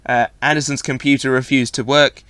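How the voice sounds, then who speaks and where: A man's voice: mid-range voice, flat delivery, a little fast, fairly bright tone, clear, resonant tone, no echo. A man hosting a casual podcast, his voice still recovering after he lost it, teasing his co-host.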